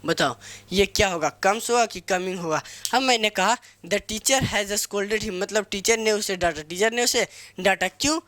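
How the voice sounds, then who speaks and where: A man's voice: high voice, normal speed, fairly bright tone, dry recording. A young man teaching English grammar in Hindi, spelling out words letter by letter and asking his own questions before answering them. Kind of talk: Hindi-medium grammar lesson.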